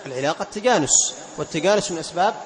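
A man teaching Quran recitation. He quizzes his students, repeats key words, and chants verse examples slowly. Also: on the high side, animated. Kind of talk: lesson.

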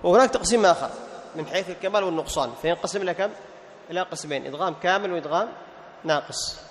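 A man's voice: high voice, racing. Man teaching Quran recitation in a hall. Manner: quizzing, chanting verses in recitation style. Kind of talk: classroom lesson with questions to students. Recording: faint noise, long reverb.

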